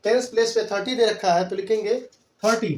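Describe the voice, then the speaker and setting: A man with a high voice gives a brisk maths lesson that mixes Hindi and English. Patiently and repetitively, he counts out place values step by step, though the echoey room and his distance from the mic make him sound far away.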